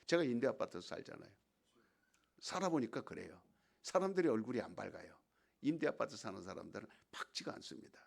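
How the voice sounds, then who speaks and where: A man's voice: fairly low pitch, big pitch swings, a little fast, creaky. A male pastor preaching a sermon emphatically, drawing call-and-response from the congregation.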